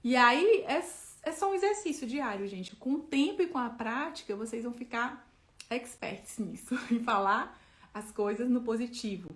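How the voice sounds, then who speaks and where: A woman gives parenting advice straight to the listener, chatty and explanatory, checking in with little tag questions as she goes. Her voice sits on the higher side, and the room gives it a noticeable echo. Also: expressive, moderate pace. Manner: conversational, many tag questions. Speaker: parenting educator. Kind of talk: explaining parenting tips to camera.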